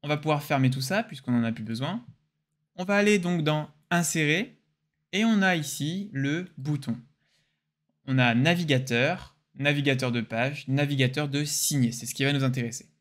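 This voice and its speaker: A young man with a French accent hosts a screen-recorded software tutorial. He explains each step casually and with enthusiasm. His voice sits a little higher than most men's. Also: normal speed.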